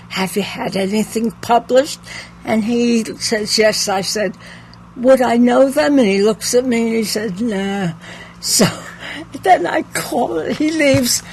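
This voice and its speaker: An older woman who owns a bookshop chats through a casual interview, telling anecdotes and laughing at her own stories. Her voice sits on the high side, and the low-quality recording carries a slight hiss or hum.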